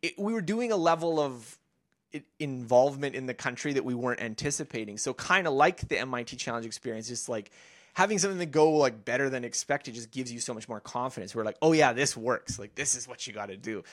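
A man's voice: mid-range voice, lively intonation, quick pace, a bit bright. A man in his thirties, a podcast guest telling a long story in casual conversation, with many fillers and restarts. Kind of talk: conversational interview.

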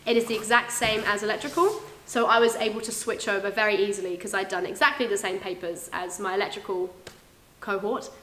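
A young woman from England hosting a casual podcast chat, loud and quick to laugh at herself. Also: medium pitch, fairly even intonation, roomy sound. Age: young adult. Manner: loud, laughing, self-mocking. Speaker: podcast host, engineering student.

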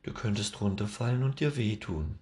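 A man voicing a caring, fussy female sheep who scolds gently, in a storybook reading. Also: fairly low pitch, lively intonation, normal speed, voice pushed up, close to an everyday voice. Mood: fussing.

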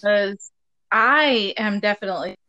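A woman hosting a podcast in casual chat over a video call, relaxed and quick to swear. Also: medium pitch, dry recording, highs cut off. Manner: casual, laughs easily, swears. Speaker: podcast host.

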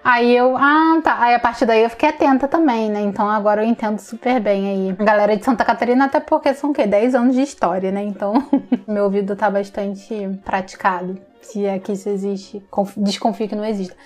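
A woman co-hosting a podcast in casual chat, a lively storyteller who laughs often. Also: medium pitch, fast. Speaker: podcast co-host.

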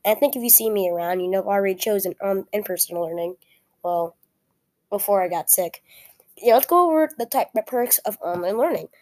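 A woman's voice: mid-range voice, mellow. Young woman with a weak, sick voice. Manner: halting, self-correcting, apologetic. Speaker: student podcast host. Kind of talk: casual solo podcast talk. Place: at home.

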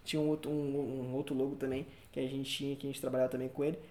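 A young male podcast host with a Brazilian Portuguese accent chats casually in a mid-range voice, talking rapid-fire. He's an animated storyteller who uses slang and acts out what people said, and the room is echoey.

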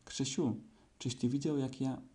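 A man's voice: medium pitch, steady tone, a little slow, dark tone, close to an everyday voice. A man doing little Roo, boastful baby kangaroo. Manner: eager, boastful, keeps repeating himself. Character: small excitable boy kangaroo, boastful.

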